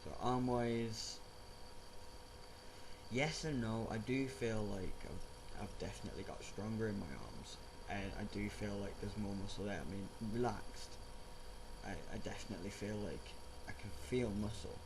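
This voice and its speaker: Low-voiced man chatting over background noise. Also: normal speed. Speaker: vlogger. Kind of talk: casual chat, personal update vlog.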